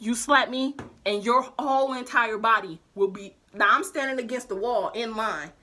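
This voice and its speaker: A young woman vlogger telling a slangy, animated storytime while doing her makeup. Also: on the high side. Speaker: beauty vlogger.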